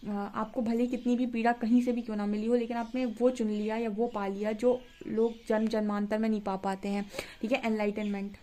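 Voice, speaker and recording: A young woman with a slightly high voice gives a relaxed spiritual tarot reading straight to her viewers. She talks in a chatty, repetitive way, keeps checking in with "ठीक है", and slips English words into her Hindi. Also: fairly quick, a little hiss or hum. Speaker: tarot reader.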